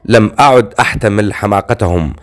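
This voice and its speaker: A man's voice: lowish voice, a little fast, lightly acted. Wounded outsider knight read by a man, weary, dry wit, audiobook figure.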